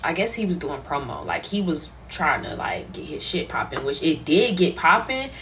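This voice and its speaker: A woman vlogger telling a personal story in a casual, slangy, profane and animated way. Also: low voice, moderate pace, a little hiss or hum.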